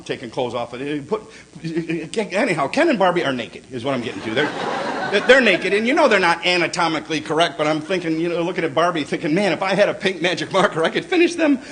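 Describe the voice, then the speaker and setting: An older man doing a stand-up comedy routine on a club stage, telling gruff stories and putting on squeaky voices for the people in them. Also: a bit bright. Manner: gruff storytelling, puts on high squeaky voices for kids and wife.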